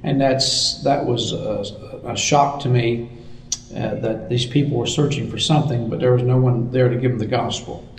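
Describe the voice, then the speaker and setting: A man with an American accent giving halting, conversational answers in an interview as a missions director. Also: mid-range voice, steady tone, creaky. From United States. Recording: roomy echo, distant mic, faint noise.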